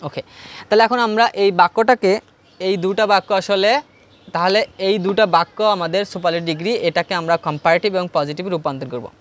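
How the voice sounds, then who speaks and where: A man's voice: high-pitched, brisk. A man with a Bangladeshi Bengali accent teaching an English grammar lesson step by step, asking questions and answering them himself. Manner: repeats key points for emphasis. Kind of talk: classroom grammar lesson at a board.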